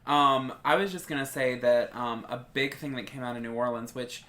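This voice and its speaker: A man's voice: medium pitch, steady tone, moderate pace, pushed and bright. A man, interviewing in a casual, chatty and emphatic way.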